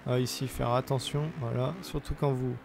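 Against a noisy background, a young gamer with a sore throat talks over his own gameplay in a gravelly, medium-pitched, level voice at a moderate pace. He chats hesitantly and occasionally bursts into playful cheering.

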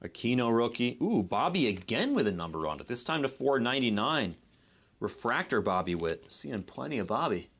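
With a medium-pitched, sing-song voice that's a bit bright and slightly rough, he talks at a normal speed. He's running a live card break, chatting along casually and second-guessing name pronunciations.

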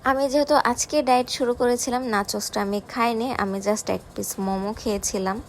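A woman calmly recounting her day in a vlog voice-over. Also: fairly high pitch, fairly quick, slight background noise. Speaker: vlogger. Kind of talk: voice-over narration.

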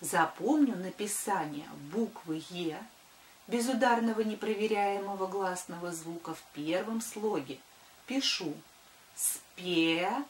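An older woman, a primary school teacher dictating to children deliberately and sounding out words by syllable. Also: mid-range voice, slight background noise. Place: small wood-panelled room indoors. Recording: echoey room.

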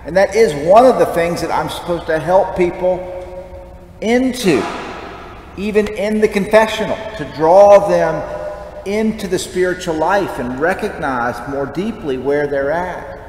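Preaching a conversational homily from the lectern of a large church, this man has a voice that sits high with a darkish tone and a measured pace. The headset mic picks up long, echoey church reverb along with background noise.

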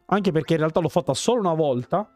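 A man hosting a casual gameplay video, chatting and thinking out loud as he plays. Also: a little high, animated, quick pace, no echo, faint music behind. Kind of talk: casual let's-play commentary.

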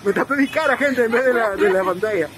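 High-voiced Peruvian man talking through a face mask. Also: fast, a loud crowd. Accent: Peruvian Spanish. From Peru. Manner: chatty, laughs often, addresses viewers as "gente". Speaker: food vlogger. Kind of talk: casual vlog talk to viewers. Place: small restaurant. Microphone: phone camera. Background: loud music.

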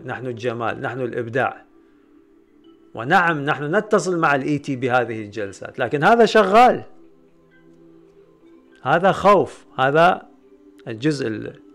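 Man lecturing in repetitive rising and falling bursts. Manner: repetitive, chanting phrases over and over; swings between loud raised bursts and low soft murmurs. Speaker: spiritual lecturer. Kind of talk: metaphysics lecture to a camera.

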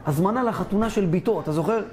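A man's voice: sits high, natural voice. A man voicing a humble, eager young male Torah scholar, talking in a fawning, effusive way, in a storytelling sermon. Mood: knowing. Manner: effusive, fawning, then calmly knowing.

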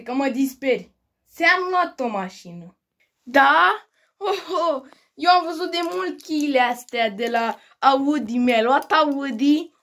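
Comedy sketch performer, woman with a high voice, snappy bickering delivery. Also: a bit bright. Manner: quick, bickering, swears often. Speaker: sketch comedian playing several family roles.

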